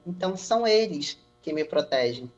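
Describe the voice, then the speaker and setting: A woman's voice: low voice, normal speed, soft background music. A stevedore with a Brazilian Portuguese accent, talking in a casual podcast interview. She tells her stories with animation and slips into the voices of the people she quotes. The sound is a little dull and lo-fi. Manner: animated storyteller who acts out quoted remarks. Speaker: stevedore guest.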